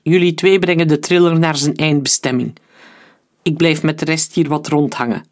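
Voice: mid-range voice, fairly even intonation, moderate pace, lightly acted. A narrator voicing a menacing male mercenary leader who mocks and relishes cruelty, in an audiobook. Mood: gloating. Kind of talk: audiobook character voice.

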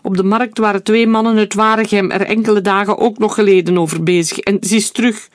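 A woman's voice: medium pitch, fairly even intonation, fairly quick, no echo, clean studio sound, voice pushed up, close to an everyday voice. A man voicing a frantic, worried mother of a sick boy, wailing with a breaking voice. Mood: panicked.

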